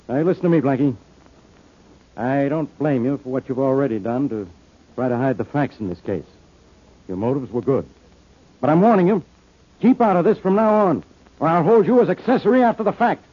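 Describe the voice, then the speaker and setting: An actor playing a suspicious, stubborn police inspector with a blustering, accusatory manner and a husky voice, in 1940s radio style. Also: male voice, medium pitch, animated, a little fast, long pauses. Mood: stern warning. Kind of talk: 1940s radio detective acting. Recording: dull old radio recording.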